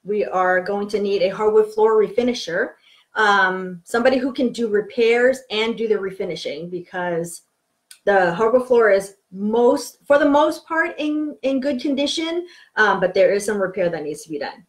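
A woman's voice: mid-range voice, animated, normal speed. Frank, chatty woman teaching renovation. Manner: frank, chatty, emphatic, with frequent ums. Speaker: home renovation coach. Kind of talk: casual live-video teaching. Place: home office, indoors.

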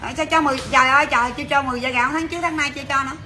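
Woman, bright voice, brisk chatty livestream seller, faint background noise. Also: high-pitched, fairly even intonation. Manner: chatty, brisk, calls out to viewers. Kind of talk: fast livestream sales patter.

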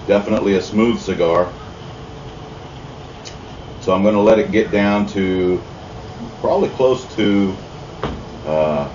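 A man with a very low voice talks with a cigar in his mouth, unhurried and full of pauses as he reviews it. He sounds far from the mic, with a roomy echo and a dull, muffled tone. Steady background noise runs behind him. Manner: unhurried, halting, many fillers. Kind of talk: casual review, talking to camera.

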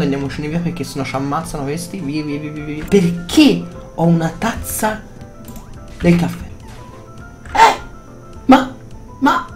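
Male gamer commentating his own play, jumpy and loud at surprises, casual swearing, faint music underneath. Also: a little high. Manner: excitable, reactive, swears casually, talks to viewers. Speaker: gaming YouTuber. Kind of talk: gameplay commentary.

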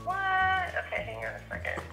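A woman's voice: very high voice, expressive, moderate pace, gravelly, pushed and bright, roomy sound, soft background music. A woman working as a shop receptionist, talking casually to a customer over a speakerphone call. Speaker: shop receptionist answering the phone. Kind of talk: casual customer-service phone talk. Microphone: telephone call played on speakerphone.

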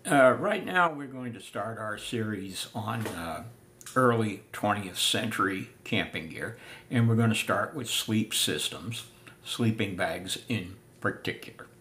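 An older man presents living history, giving a casual spoken history lesson while seated in a room full of antiques. His lowish voice sounds pushed and bright, and he speaks unhurriedly with many filler pauses. A little background noise is audible.

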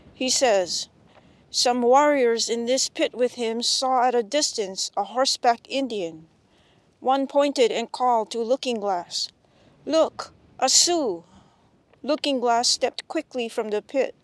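Woman from hawaii reading narration, measured, kinda high, dry sound. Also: dry recording. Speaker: narrator and co-host. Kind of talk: scripted narration.

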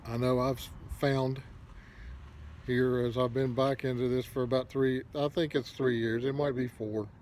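A man's voice: medium pitch, level tone, measured pace, a little mellow, slight background noise. An older man talking casually with a pipe in his mouth, giving easygoing, rambling advice as the host of an unedited video. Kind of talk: casual unedited monologue to camera.

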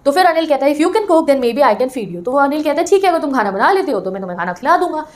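A young woman teacher reading English lines slowly and explaining each one casually. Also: high-pitched, very animated. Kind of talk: line-by-line English lesson explained in Hindi.

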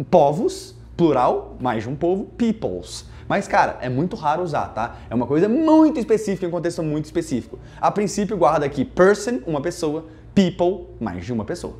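A man's voice: a little high, darkish tone. A young man from Brazil teaching English in a casual online lesson, jokey and playful, with lots of asides.

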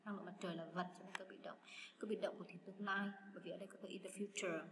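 A woman's voice: medium pitch, steady tone, rapid-fire. A woman teaching English to schoolchildren, patiently walking through exam answers and talking to students in a chatty way. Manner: patient, chatty, addresses students as "các bạn". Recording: echoey room with loud background noise.

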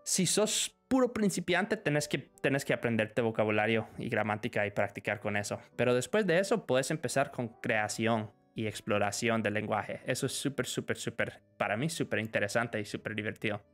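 A man's voice: on the low side, expressive, moderate pace, few pauses. Man, live stream English lesson, switches languages, answers chat, faint music underneath. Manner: switches between Spanish and English, reads questions aloud.

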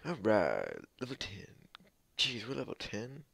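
A man's voice: mid-range voice, wildly swooping pitch, measured pace, vocal fry, noisy background. A man hosting a video game let's play, rambling casually and joking with viewers. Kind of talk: casual gameplay commentary.

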